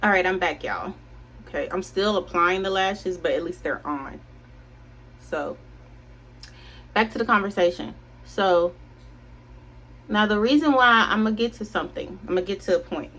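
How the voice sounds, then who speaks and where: A woman's voice: medium pitch, moderate pace, pauses often, fairly bright tone. A young woman chatting casually to viewers while doing her makeup, rambling and confiding. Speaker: beauty vlogger.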